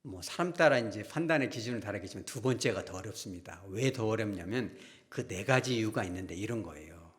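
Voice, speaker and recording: A man preaching a sermon as pastor, telling stories in animated fashion, acting out quoted voices and putting questions to the congregation. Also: on the low side, fairly quick, hardly any pauses.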